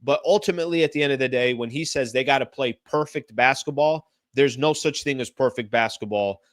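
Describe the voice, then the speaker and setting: A man's voice: medium pitch, brisk, no room sound, clean studio sound. A man hosting a sports talk show, giving an emphatic monologue with repeated rhetorical phrases and casual fillers. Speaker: sports podcast host.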